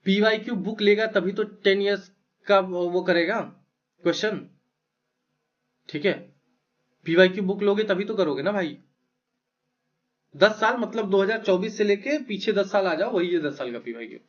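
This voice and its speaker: A man's voice: high voice, normal speed, pauses often, lo-fi sound. A man giving blunt, emphatic, brotherly study advice to exam students as their mentor. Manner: blunt, emphatic, brotherly, with frequent "right?" check-ins. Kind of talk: motivational advice talk.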